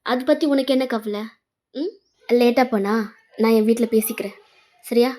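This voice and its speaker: Casting: woman voicing a sarcastic, hurt young woman, bitter edge, fairly high mellow voice. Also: normal speed, close to an everyday voice. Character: hurt, angry young woman, sharp-tongued girlfriend. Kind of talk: fan fiction voice-over.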